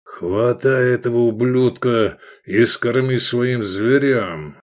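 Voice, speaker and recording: A man's voice: medium pitch, slow, natural voice. A man voicing an enraged, domineering Roman patrician father who roars commands. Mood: furious. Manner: roaring, commanding.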